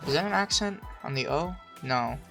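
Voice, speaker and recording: A man streaming a game, thinking aloud, swearing constantly, second-guessing himself and bursting into loud excited shouts. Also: a little high, moderate pace, gravelly, music in the background. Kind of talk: casual gameplay commentary.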